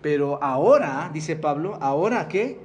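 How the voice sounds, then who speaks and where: A man's voice: a little high, lively intonation, a little slow, darkish tone, slight background noise. A Mexican man preaching a sermon, often asking the congregation questions and repeating key words for emphasis. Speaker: pastor.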